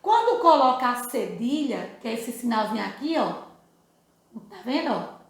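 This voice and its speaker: Slow, high-voiced Brazilian teacher in an echoey room. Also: female voice, big pitch swings. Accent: Brazilian Portuguese. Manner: slow, sing-song syllable drills with many "né?" checks. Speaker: first-grade teacher. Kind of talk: children's phonics lesson.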